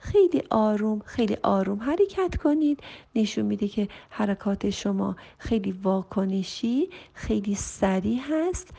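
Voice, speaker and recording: Answering a listener's question by voice message, this female family counselor reads it first and then gives sincere, forceful parenting advice. Her creaky, mellow voice sits at medium pitch with lively intonation, slowing and rising on the points she stresses.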